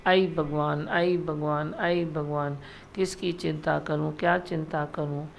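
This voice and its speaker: Gravelly-voiced woman preaching satsang. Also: mid-range voice, a little hiss or hum. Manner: repetitive exhorting, direct address. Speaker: spiritual teacher. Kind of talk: devotional satsang discourse. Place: satsang hall.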